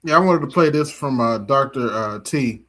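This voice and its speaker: A man's voice: mid-range voice, moderate pace, fairly bright tone. A man hosting a casual chat, making joking commentary in a rambling, playful way. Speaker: talk show host.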